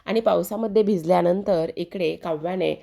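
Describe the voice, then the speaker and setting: A woman's voice: lowish voice, normal speed, creaky, dark tone. A woman narrating a recap of a TV serial episode in a chatty, repetitive storytelling manner.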